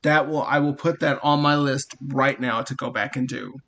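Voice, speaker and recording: A man in his thirties co-hosting a casual podcast chat, telling lively stories and laughing at his own tales. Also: medium pitch, normal speed. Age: 30s. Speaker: podcast co-host.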